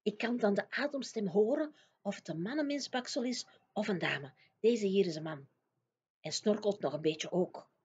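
Woman doing the GVR, a gentle bumbling giant. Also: mid-range voice, animated, husky. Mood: whispering. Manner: slow, odd grammar, in a hushed tone. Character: big friendly male giant, gentle, mangling his words. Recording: dull lo-fi recording.

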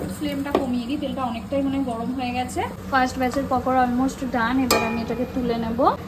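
A young woman with a high, light voice vlogs casually from her family home and kitchen, chatting to her viewers as she goes. She talks to a handheld phone camera, with a faint hum of home ambience behind her. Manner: chatty, addresses viewers as guys. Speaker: family vlogger. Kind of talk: casual vlog narration to camera.

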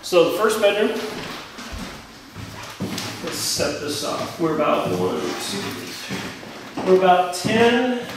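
With a high voice whose pitch swoops wildly, a forties-aged realtor tours a vacant house slowly, pausing often and talking in a casual, slightly hesitant way. Captured by a camera mic a few metres away, the recording is noisy, distant, and full of echo from the bare rooms.

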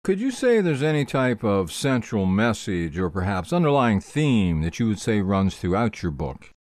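A man hosting an interview, asking questions in a lively, upbeat way. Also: on the low side, normal speed. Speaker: host. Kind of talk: radio-style interview.

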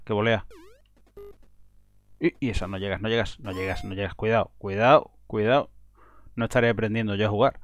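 A man giving casual, excitable commentary while playing a video game, breaking into frustrated outbursts. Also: on the low side. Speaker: gaming video host.

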